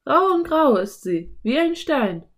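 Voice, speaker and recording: A woman voicing a lively, curious little girl in an audiobook, with high, eager, quick exclamations.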